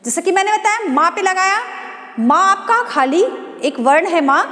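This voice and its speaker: A woman teaching a Hindi lesson to students, asking questions and answering them herself, and slowly drawing out each syllable. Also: very high voice, lively intonation, bright, forceful tone. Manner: slow, drawn-out sounding of syllables. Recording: echoey room with long reverb.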